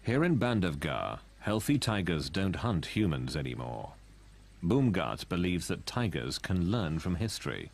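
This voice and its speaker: Deep-voiced man narrating a nature documentary. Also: big pitch swings, a little slow, vocal fry.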